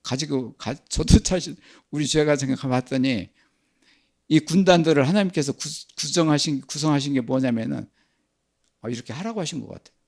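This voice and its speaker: A man's voice: on the high side, a little fast, creaky, darkish tone. An older man preaching a sermon as pastor, asking and answering his own questions.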